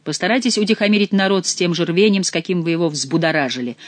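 A weary, anxious male king issuing measured orders, voiced by an audiobook reader. The delivery is plain and controlled. The sound is close and dry. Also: medium pitch, no room sound, close to an everyday voice. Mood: commanding. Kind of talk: audiobook character voice.

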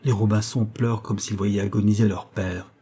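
A man narrating an adventure novel as an audiobook in a measured literary reading. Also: fairly low pitch, steady tone, mellow, breathy edge. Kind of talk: scripted narration.

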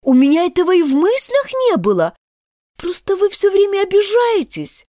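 A woman's voice: big pitch swings, normal speed, warm tone, no echo, clean studio sound. A woman voicing Alice, a polite, eager little girl, in a storybook reading. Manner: high, earnest and eager to please.

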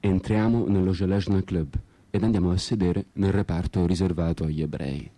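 With guitar music behind him, a man delivers a dramatic literary monologue as a radio theatre storyteller. His low, warm voice holds a steady tone at a moderate pace, and his manner is ironic, brooding and theatrical.

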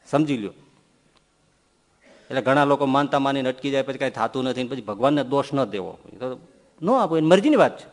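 Fields: Sex: male. Role: swami preaching with humor. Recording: echoey hall. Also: fairly high pitch. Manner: humorous storytelling, swings between soft and loud. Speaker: swami giving a scripture discourse. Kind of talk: sermon.

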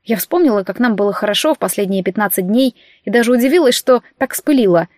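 A woman reading a first-person audiobook story with lively storytelling. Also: mid-range voice, quick pace, dry recording, studio quality. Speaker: audiobook narrator.

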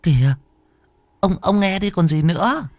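A man voicing a terrified old village wife, shrill and stammering. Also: expressive, measured pace, a little mellow, no room sound. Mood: urgent. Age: older.

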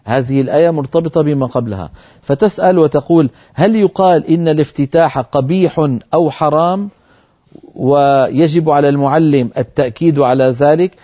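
A man teaching Quran recitation on a TV program, answering viewer questions firmly and reciting verses slowly to demonstrate. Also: fairly high pitch, warm tone, highs cut off.

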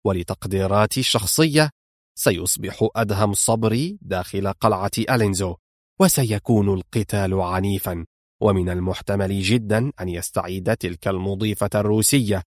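A cold spy mastermind, put on by a male narrator, speaks in a low, hushed register. His delivery is calm, clipped and menacing, and every order sounds final. The audiobook recording is dry and close. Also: brisk, no echo, close to an everyday voice. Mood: cold, commanding.

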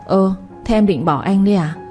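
A woman voicing a gentle, doting young village man. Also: medium pitch, normal speed, soft background music, close to an everyday voice. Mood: placating. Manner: soothing, placating.

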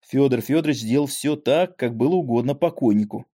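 A man narrating classic prose for an audiobook in an even, measured reading. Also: mid-range voice.

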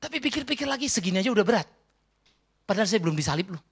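A man pastor preaching a sermon, emphatic, swinging between soft asides and loud exhortation. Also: high voice, sing-song, racing, slightly rough.

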